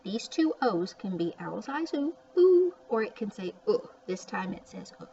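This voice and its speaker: With a mellow, creaky, sing-song voice in the mid range, a teacher of early reading sounds out and repeats words for young children at a moderate pace. She keeps up chatty asides throughout this word-by-word phonics lesson. It's captured on a distant mic, sounding muffled, with faint background noise.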